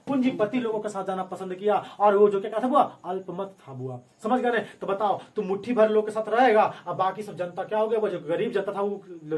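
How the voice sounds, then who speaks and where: High-voiced teacher quizzing a class. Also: male voice. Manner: repetitive call-and-response questioning. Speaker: history teacher. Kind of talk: classroom lecture. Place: classroom with students.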